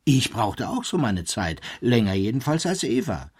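An actor playing an excitable scholarly man who earnestly and emphatically tells his story in a radio play. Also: medium pitch, moderate pace, breathy edge. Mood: absorbed recounting. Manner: emphatic, rhetorical.

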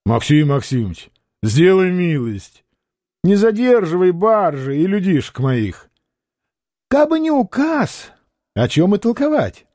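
A man's voice: high-pitched, sing-song, slow pace, darkish tone, no room sound, studio quality, exaggerated voice. A man reading an audiobook, voicing an evasive, greedy provincial governor with a fussy manner.

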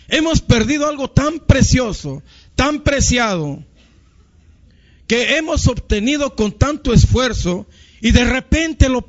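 A male preacher giving an impassioned sermon, often addressing his listeners as brothers. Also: high voice. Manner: impassioned, repeats "hermanos". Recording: muffled lo-fi recording.

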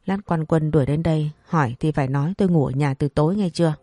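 A narrator voicing a sly, bossy peasant husband, talking quickly. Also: mid-range voice, mellow, no room sound, clean studio sound, close to an everyday voice. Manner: bossy, crafty, brusque.

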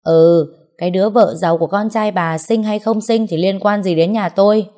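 A woman's voice: mid-range voice, fairly even intonation, normal speed, warm tone, natural voice. A woman reading the lines of an angry, stern older father in a storybook tale. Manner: curt, indignant.

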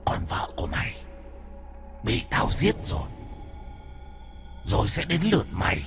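A man voicing a female demon posing as a wife, sliding from a hushed high falsetto to a low menacing hiss. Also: wildly swooping pitch, unhurried, faint music behind, full character voice.

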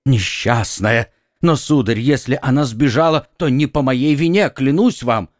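A man's voice: a little slow, dry recording, studio quality, lightly acted. A man voicing a frightened, pleading middle-aged shopkeeper in an audiobook reading. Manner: high, anxious, exclaiming pleas.

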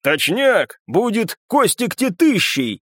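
A tough ex-commando growls coarse words in a slightly raised, fairly loud voice, as a male narrator puts him on. His delivery is rough-edged, and the sound is close and dry. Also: high-pitched, very animated, slow pace, dry recording, pitched above the performer's own voice, exaggerated voice. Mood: joking.

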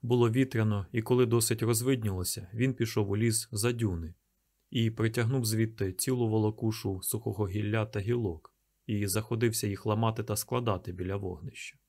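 A man reading a novel aloud in calm, measured audiobook narration. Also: on the low side.

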